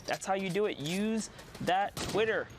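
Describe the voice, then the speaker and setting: A man's voice: high voice, a little slow, background noise. A man giving laid-back, chatty color commentary on a live esports match. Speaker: esports caster.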